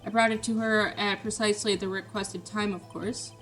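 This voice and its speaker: A woman's voice: mid-range voice, steady tone, normal speed, a bit bright, soft background music, lightly acted. A woman voicing a prim, fussy male hotel bellboy on the witness stand, formal and adding "sir" to his lines.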